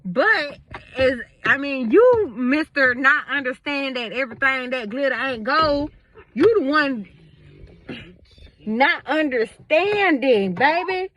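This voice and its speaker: A woman's voice: high voice, lively intonation, takes it slowly, fairly bright tone. A woman vlogger talking to her viewers in a casual monologue, emphatic and preachy, addressing them directly.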